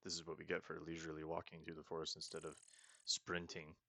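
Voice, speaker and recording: In casual gameplay commentary, a let's play host works his way through a roleplay game, musing out loud and frequently starting sentences over. He has a gravelly bass voice, sharp and monotone, and talks fast.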